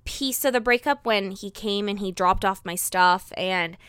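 A young woman hosting her own podcast, talking candidly and chattily in a solo monologue, full of "like" fillers and quick bursts of speech. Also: medium pitch, fairly bright tone, clean tone, dry recording. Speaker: podcast host.

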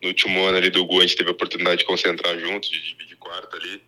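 A man's voice: low-pitched, completely flat delivery, racing, bright, forceful tone. A man calling in over a phone on speakerphone, chatting in a friendly way and telling stories with lots of fillers. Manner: friendly, storytelling with many fillers. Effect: heard over a phone on speakerphone. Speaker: phone-in guest, former teammate. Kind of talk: casual chat.

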